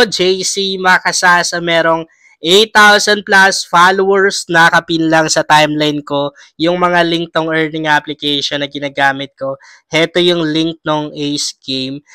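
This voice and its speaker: A man's voice: sits high, sharp tone, clear, resonant tone, no echo. A young Filipino man hosting a casual gaming vlog, his voice strained by a cough. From Philippines. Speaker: vlogger and host.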